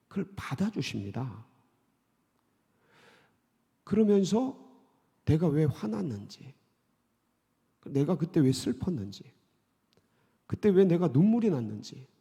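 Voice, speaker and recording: A pastor preaching a dawn sermon, animated, acting out prayers and little dialogues. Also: male voice, sits high. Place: church sanctuary. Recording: long reverb of a church hall.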